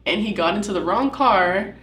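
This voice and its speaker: A woman's voice: mid-range voice, lively intonation, normal speed, a bit bright, reverberant, distant mic. A young woman giving a casual personal testimony at church, telling her story with lots of "like" fillers.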